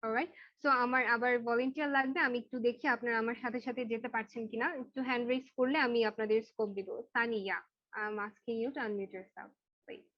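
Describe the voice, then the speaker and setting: A woman with a Bangladeshi accent teaches an online English class, spelling words out letter by letter and saying them again slowly. Her voice sits a little high. It comes through a video call with dull, low-fidelity sound. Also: steady tone, no room sound.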